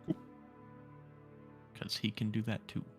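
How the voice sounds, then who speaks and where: A young man playing a tabletop game, talking hesitantly with many pauses. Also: lowish voice, monotone, a little mellow, faint music behind. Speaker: player.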